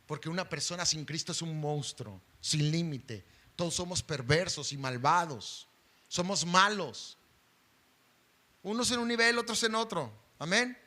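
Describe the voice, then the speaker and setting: A middle-aged male pastor, preaching an impassioned sermon that swings from loud pleading to hushed intensity. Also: high-pitched.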